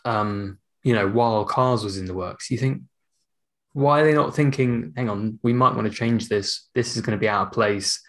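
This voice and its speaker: A man's voice: medium pitch, moderate pace. A British man chatting casually as a podcast co-host. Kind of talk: casual chat.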